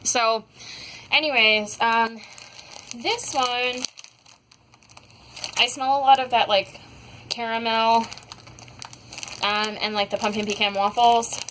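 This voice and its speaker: A woman's voice: on the high side, steady tone, slow pace, long pauses, a bit bright, a little hiss or hum, rough recording. A young woman casually reviewing scented wax melts at home, rambling with many fillers. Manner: rambling, many ums and likes. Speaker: wax melt haul vlogger. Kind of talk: casual product review chat.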